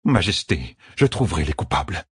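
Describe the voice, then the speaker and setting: A stern noble lord who speaks with formal menace, as an audiobook narrator plays him. The husky voice stays close and dry, with a lively rise and fall. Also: male voice, moderate pace, no room sound. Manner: low, threatening courtly tone.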